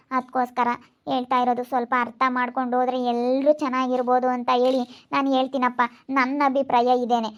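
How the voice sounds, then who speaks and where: A woman's voice: high-pitched, highs cut off, natural voice. A woman playing a desperate young wife who pleads to stay. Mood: begging. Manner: pleading, tearful. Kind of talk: amateur family drama skit.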